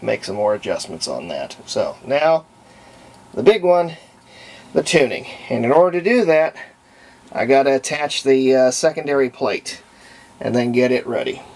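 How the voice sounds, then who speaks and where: At a workbench indoors at home, a male radio repair hobbyist talks through a casual hands-on demonstration, thinking aloud in a folksy, unhurried, homespun way. His average-pitched voice has noticeable vocal fry, big pitch swings and a slightly mellow quality. Faint workshop noise sits in the background.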